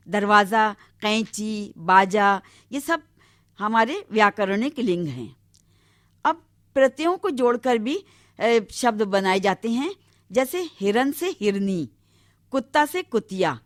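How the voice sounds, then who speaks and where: Middle-aged female lecturer, slightly high voice, dry booth sound, patient and methodical. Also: no room sound. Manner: measured, explanatory, lists examples one by one. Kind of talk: recorded Hindi grammar lecture.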